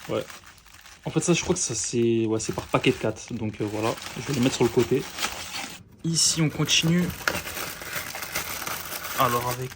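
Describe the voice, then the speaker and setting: A man's voice: mid-range voice, normal speed, long pauses, noisy background. A man casually presenting fireworks he is unboxing, hesitant, with many fillers and self-corrections.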